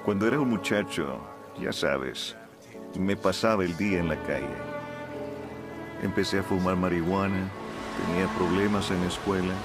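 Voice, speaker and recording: Deep-voiced man telling his life story. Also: moderate pace. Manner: calm, reflective storytelling. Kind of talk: dubbed testimony voice-over. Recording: voice-over with violin music behind.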